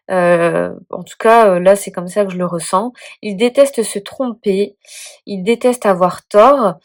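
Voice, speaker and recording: A woman who is sick and sniffling, reading tarot cards in a casual way, thinking aloud with many hesitations and restarts. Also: medium pitch. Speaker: tarot reader and channel host.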